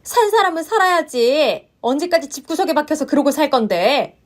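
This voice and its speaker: A woman's voice: high-pitched, lively intonation, normal speed, pitched above the performer's own voice. A woman voicing a domineering, scolding older mother-in-law with harsh, contemptuous reproaches in a narrated story. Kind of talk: story narration with voiced roles.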